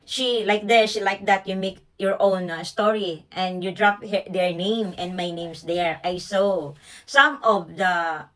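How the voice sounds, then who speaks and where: A woman's voice: mid-range voice, measured pace, a bit bright, poor audio. A woman from the Philippines with a Filipino accent, a live streamer talking in broken English and ranting defensively to her viewers with many restarts. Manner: indignant, rambling, with frequent restarts and broken English. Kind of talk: defensive livestream rant.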